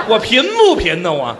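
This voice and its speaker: A man performing as a crosstalk comedy partner, firing off quick, bantering retorts. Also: sits high, background noise.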